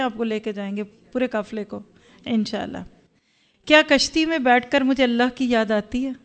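A woman's voice: a little high, clear, resonant tone. Earnest woman teaching a religious class. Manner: earnest, questioning the audience. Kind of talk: Quran lesson to a women's class.

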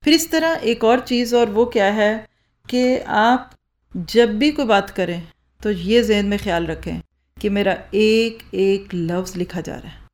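A woman's voice: medium pitch, measured pace. Woman, trainer giving a lecture, speaks into a mic in a hall, asks rhetorical questions and answers them. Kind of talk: lecture to a live audience. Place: lecture hall with rows of listeners. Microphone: handheld or stand microphone.

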